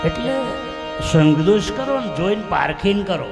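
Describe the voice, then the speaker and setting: High-pitched village preacher, storytelling sermon w/ sung bits, instruments playing behind. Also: male voice, moderate pace, vocal fry. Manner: folksy, animated storytelling, breaks into song. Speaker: devotional preacher and bhajan singer. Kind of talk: folk devotional sermon with sung verses. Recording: live music accompaniment behind.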